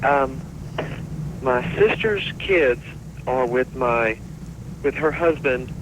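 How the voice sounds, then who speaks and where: A man calling in to a radio show by phone, casual and halting, repeating his words. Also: medium pitch, lively intonation, background noise.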